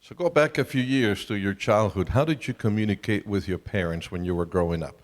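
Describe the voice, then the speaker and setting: With a fairly low pitch and a slightly fast delivery, a Colombian-accented man of middle age or older talks conversationally to an audience at a family seminar. The recording comes from a large camp-meeting hall and has reverberant sound-system acoustics.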